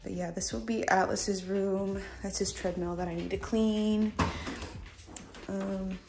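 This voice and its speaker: A woman's voice: medium pitch, fairly even intonation, takes it slowly, noisy background. A young woman giving a casual, rambling house tour, filming on a handheld phone indoors. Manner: rambling, filler-heavy, coos to her dog. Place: small new house, indoors. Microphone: handheld phone camera.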